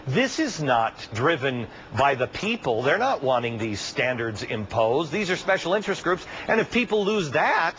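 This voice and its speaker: A man's voice: a little high, very animated, moderate pace, hardly any pauses, fairly bright tone, slight background noise. A man hosting a TV commentary show, talking emphatically and sarcastically, full of rhetorical questions. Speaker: TV commentary host. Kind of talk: opinion monologue and interview. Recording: dull lo-fi broadcast audio.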